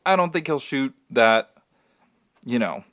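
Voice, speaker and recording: A man's voice: medium pitch, animated, a little slow, fairly bright tone. A man co-hosting a sports podcast in casual chat, hedging his takes and then backing them with numbers. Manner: hedging, analytical, cites stats. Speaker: podcast co-host.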